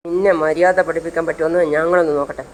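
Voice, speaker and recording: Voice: medium pitch, flat delivery, very fast, slight background noise, close to an everyday voice, rough recording. Narrator doing a bullying police officer. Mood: scornful. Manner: scornful, threatening.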